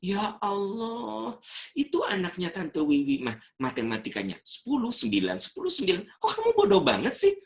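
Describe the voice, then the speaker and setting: A man voicing a nagging mother who scolds her child in an exaggerated high voice. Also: huge pitch swings, moderate pace, gravelly, exaggerated voice. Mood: scolding.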